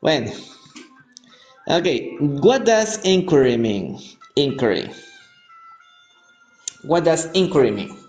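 A man from Peru teaching English on a live stream, reading aloud and explaining words in Spanish, repeating each pronunciation slowly. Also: fairly high pitch, very animated, darkish tone. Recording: echoey room, faint music behind.

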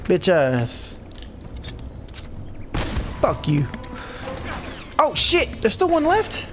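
Over background music, a stuffy-voiced young let's play host speaks high and with huge pitch swings, drawing his words out. His commentary on the game is casual and profane, aimed at enemies.

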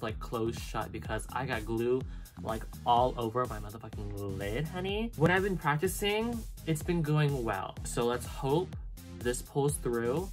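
A woman hosts a makeup tutorial in a very deep, low voice, sassy and full of swearing. She gushes dramatically over each step of her routine. Music plays clearly behind her. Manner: sassy, profane, dramatic exclamations. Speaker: makeup vlogger. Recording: music playing underneath.

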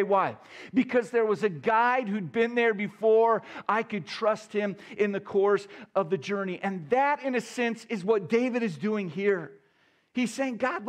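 A man with a high voice preaches a sermon, earnestly retelling a story and quoting scripture. He often restarts his phrases as he goes. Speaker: pastor.

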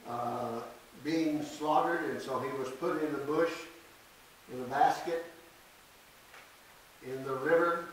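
An older man preaching a sermon at a church podium, reading scripture slowly and deliberately with emphatic stresses. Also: a little high. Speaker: pastor. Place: small church sanctuary. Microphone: podium mic from a distance. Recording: echoey church, distant mic, faint hiss.

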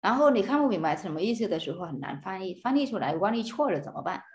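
A woman's voice: medium pitch, big pitch swings, fast talker. A woman giving a casual Buddhist study lesson, repeating words and restarting, often asking her listeners rhetorical questions. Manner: hesitant, repeats words and restarts, frequent fillers, chuckles. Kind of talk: casual spoken Dharma lesson.

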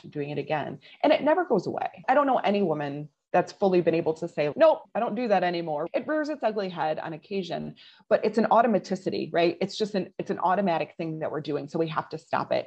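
A woman's voice: mid-range voice, darkish tone, husky, lo-fi sound. A woman in her forties, a leadership coach, speaking earnestly and emphatically as a guest in a podcast interview. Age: 40s. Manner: earnest, emphatic, quick bursts.

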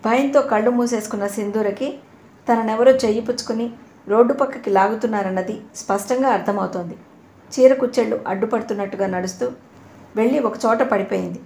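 A woman's voice: fairly high pitch, fairly quick, creaky. Woman narrating an audio novel. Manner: steady storytelling. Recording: echoey room, faint hiss.

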